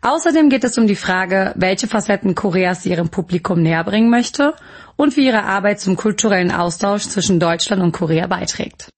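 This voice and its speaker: A woman's voice: medium pitch, fairly quick. A woman from Germany hosting a radio interview show, reading a scripted intro and then chatting in a friendly way.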